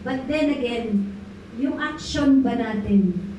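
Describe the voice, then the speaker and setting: A woman's voice: a little high, lively intonation, takes it slowly, dark tone, slight background noise. A middle-aged woman pastor preaching a sermon, drawing amens from the congregation and mixing in English. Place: church hall. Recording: echoey hall, voice from far off.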